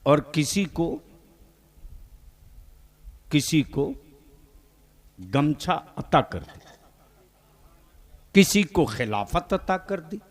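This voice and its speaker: A man giving a sermon to a stage audience, chanting repeated phrases and calling out for the crowd to answer, often breaking into stretched-out shouts. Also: fairly high pitch, very animated, drawn-out words, long pauses. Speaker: religious speaker.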